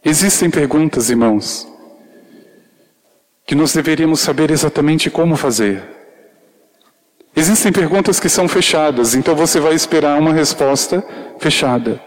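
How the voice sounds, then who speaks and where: Earnest, fairly high-voiced male preacher. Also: moderate pace, pauses often. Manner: earnest, intimate address to the congregation; self-deprecating, shy humor. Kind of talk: sermon.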